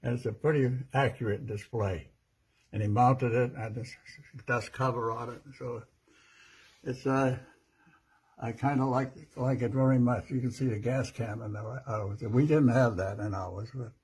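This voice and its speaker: An elderly American man, an old veteran remembering his service in a plain, halting way. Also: medium pitch, fairly even intonation, darkish tone. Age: 80s or older. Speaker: World War II veteran. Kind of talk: personal reminiscence.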